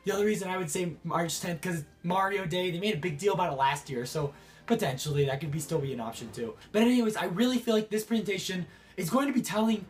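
A young man vlogging about video games, sick with a cough and a rough voice, talking in an excitable, rambling way. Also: high voice, fast talker, soft background music. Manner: excitable, rambling, many restarts. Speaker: gaming YouTuber. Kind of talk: excited casual vlog to camera.

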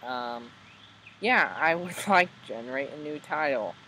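A man hosting a video, casually commenting with many hesitant ums as he tries out story software. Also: a little high, animated, unhurried, slight background noise, rough recording.

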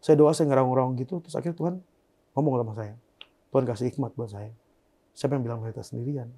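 A young man as an interview guest, telling a painful personal story in a soft, subdued way that often trails off quietly. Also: mid-range voice, fast talker, breathy edge.

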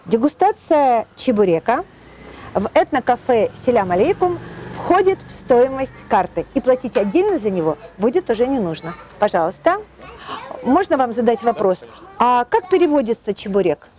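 A woman presenting a travel promotion in an upbeat, expressive way. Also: a little high, moderate pace. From Crimea. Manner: bubbly, expressive. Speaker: tour presenter. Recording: music playing behind.

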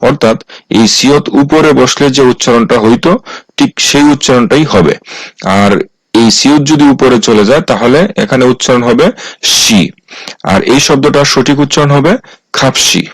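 Male tutor, mid-pitched, slow and repetitive rule-by-rule explaining, dry close sound. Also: no room sound, poor audio. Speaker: language teacher. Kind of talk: explaining rules in a lesson.

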